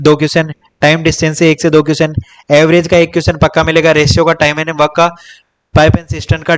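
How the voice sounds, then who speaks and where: A young man teaching exam topics in a casual lecture, repeating points and calling viewers "bhai" as he lists and counts. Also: fairly high pitch. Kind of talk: casual Hindi-English exam coaching lecture.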